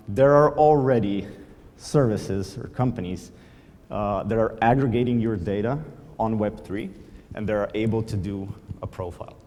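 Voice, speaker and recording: Speaking in a big conference hall that echoes around him, this conference presenter, a native Slovenian speaker, fills his explanations with plenty of ums. He has a dark tone and a voice on the low side.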